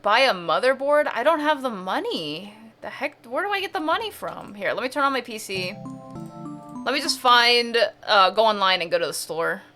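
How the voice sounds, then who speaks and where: A woman's voice: on the high side, very animated, moderate pace, bright, forceful tone, soft background music. A woman streamer chatting casually over gameplay, thinking aloud and asking herself questions.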